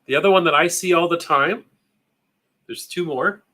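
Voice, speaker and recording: Canadian man, bright voice, chatty, rambling, live trivia co-host. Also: fairly high pitch, normal speed. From Ontario, Canada. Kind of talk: live-stream trivia chat.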